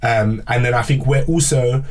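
A man's voice: medium pitch, moderate pace, far from the mic. A man co-hosting a podcast, telling stories in a laid-back way full of slang. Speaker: podcast co-host. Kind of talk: casual podcast discussion.

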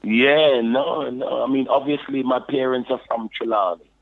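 A man's voice: medium pitch, steady tone, normal speed. A man from the UK speaking with a Jamaican patois accent, telling his story casually in an interview and often saying "you know". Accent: Jamaican patois, London. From United Kingdom. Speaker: podcast guest, reggae deejay. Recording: tinny phone line.

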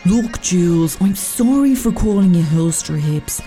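An earnest, pleading teenage boy at a nineties disco, asking to be forgiven, as a woman reads him out from her old diary. The voice is lowish and mellow. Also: animated, unhurried, faint music behind. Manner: pleading, apologetic.

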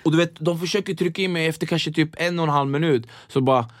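A man's voice: on the high side, dry recording. A young man telling stories in a casual podcast chat, acting out the voices of people in his stories. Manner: animated storyteller acting out quotes. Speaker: podcast guest.

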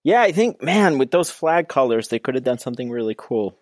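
A man of middle pitch chatting casually on a podcast, relaxed and conversational, sometimes trailing off mid-sentence. His voice is recorded dry and close, with no room sound. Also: a little fast, dry recording. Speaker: podcast co-host. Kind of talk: casual chat.

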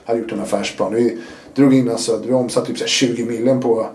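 A man, a guest telling his story in a casual interview, animated and acting out what people said. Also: medium pitch, reverberant, a little hiss or hum. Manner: animated, acts out quotes with sudden loud bursts.

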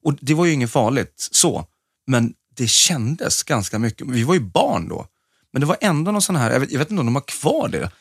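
Male co-host with vocal fry, relaxed and joking, close dry mic. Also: mid-range voice, no echo. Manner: laid-back, joking, hesitant restarts. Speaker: podcast co-host. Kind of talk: casual chat.

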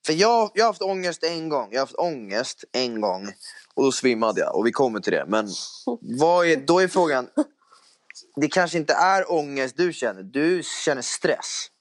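A man's voice: a little high, big pitch swings, no echo. A man co-hosting a casual podcast chat, teasing and swearing freely while mimicking other people. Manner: teasing, swears a lot, acts out voices. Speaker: podcast co-host.

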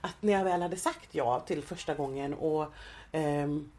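A woman in her thirties, a guest in an interview, talking in a hesitant, halting way with many restarts. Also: sits low, dark tone. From Sweden. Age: 30s. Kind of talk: personal interview.

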